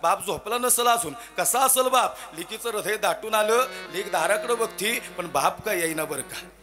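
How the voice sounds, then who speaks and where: Male kirtan preacher, high bright voice, emotive storytelling, sung verses, faint music behind. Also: lively intonation, normal speed. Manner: emotive storytelling, voicing characters. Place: village religious gathering.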